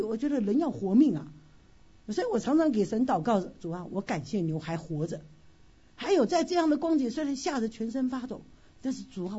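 A woman tells an emotional personal testimony at church, her fairly high voice swinging up and down as she sighs through her story. Her tone is mellow and a little husky. The recording sounds dull and lo-fi. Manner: expressive storytelling with frequent sighing exclamations. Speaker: church member sharing a testimony.

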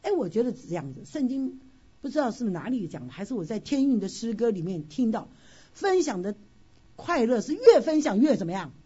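A woman tells an emotional personal testimony at church, her fairly high voice swinging up and down as she sighs through her story. Her tone is mellow and a little husky. The recording sounds dull and lo-fi. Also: a little fast. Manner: expressive storytelling with frequent sighing exclamations. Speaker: church member sharing a testimony.

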